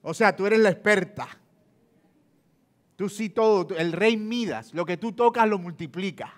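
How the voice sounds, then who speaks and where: A man's voice: a little high, lively intonation, moderate pace, natural voice. A man voicing a defensive, sarcastic husband in a money argument, full of indignant retorts.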